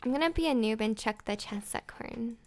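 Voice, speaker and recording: A woman's voice: a little high, normal speed, darkish tone. A young woman hosting casual gameplay commentary, giggly and playfully teasing. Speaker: host.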